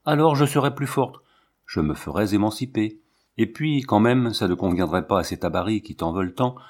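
A sharp, defiant young lion tamer from a storybook, speaking curtly and firmly in a low register, as a male reader puts her on. The tone stays plain and unadorned. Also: animated, moderate pace. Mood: worried, pleading.

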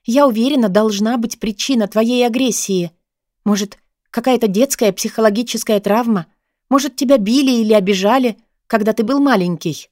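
A woman's voice: fairly high pitch, moderate pace, darkish tone, dry recording, clean studio sound, lightly acted. A woman doing a desperate, lovesick young girl. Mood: desperate, pleading. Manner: emotional, pleading, raised voice.

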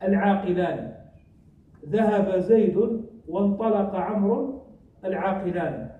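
A man teaching a classroom grammar lesson, often quizzing his students with short questions and repeating example sentences slowly. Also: sits high. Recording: echoey, distant, phone-like recording.

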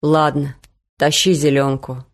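A woman voicing a deadpan, joking man. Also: sits low, a little slow, pitched below the performer's own voice. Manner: flat, serious, deadpan. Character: deadpan joking man, dry gloomy humor.

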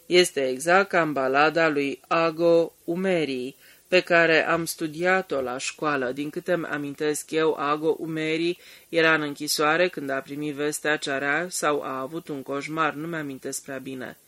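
A man's voice: fairly high pitch, fairly even intonation, bright, forceful tone. A man voicing a talkative, pushy male journalist who chatters eagerly about his theories in an audiobook. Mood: excited.

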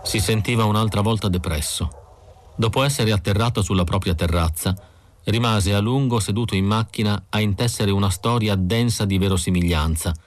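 Low-voiced man narrating an audiobook. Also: no room sound. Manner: measured, expressive reading. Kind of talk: scripted narration.

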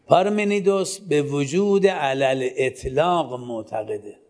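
A man's voice: on the high side, a little mellow. Man lecturing with rhetorical questions. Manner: poses rhetorical questions and answers them himself; gives students direct instructions. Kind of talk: classroom lecture.

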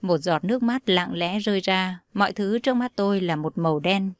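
A young woman narrating a first-person story in a calm, steady reading voice. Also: mid-range voice, moderate pace, dry recording, studio quality.

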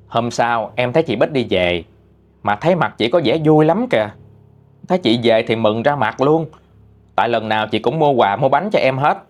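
Chatty southern Vietnamese male storyteller. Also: medium pitch. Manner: chatty, exclamatory. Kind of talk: gossipy spoken storytelling. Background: faint music.

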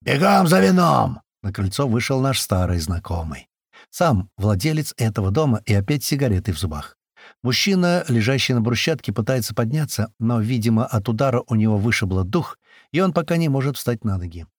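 A man reading a first-person audiobook aloud, brisk storytelling with voiced dialogue. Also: mid-range voice, big pitch swings, darkish tone, no room sound, studio quality. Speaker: audiobook narrator.

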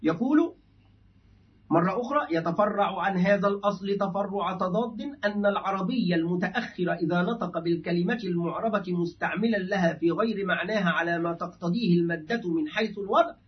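High-voiced sheikh lecturing from afar. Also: male voice, brisk. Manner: explanatory, acts out dialogues with a student. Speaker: sheikh teaching a book. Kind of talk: classroom lecture on Arabic linguistics. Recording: distant muffled lecture recording.

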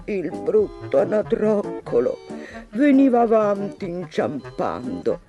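A man reading a children's fairy tale with an expressive, dramatic storybook delivery. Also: high voice, slow pace, over music.

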